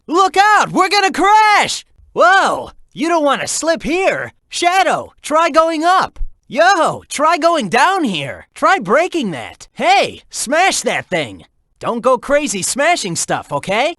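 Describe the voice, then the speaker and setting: A man voicing a cocky, upbeat young hedgehog hero in a video game, energetic, breezy and teasing as he guides his partner. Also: very high voice, no room sound, clean studio sound, exaggerated voice. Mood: alarmed, shouting, then excited, urging, then teasing, cautioning. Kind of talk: video game character voice lines.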